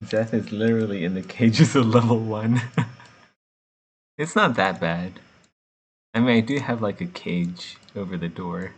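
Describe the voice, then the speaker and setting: An American man streams himself sculpting, chatting casually and joking as he works, laughing often between rambling asides. His voice is lowish and slightly breathy, and he speaks unhurriedly with frequent pauses.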